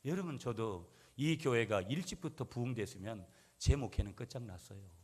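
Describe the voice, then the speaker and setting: A male pastor preaching a sermon, swinging between loud declarations and quiet asides and calling for responses from the congregation. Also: mid-range voice, expressive, moderate pace, breathy edge.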